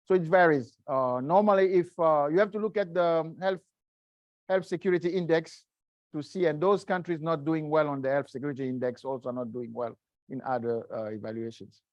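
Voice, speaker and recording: A middle-aged man, a guest speaker, answering seminar questions in a halting way, often searching for words. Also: on the high side, no echo, dull audio. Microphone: video call.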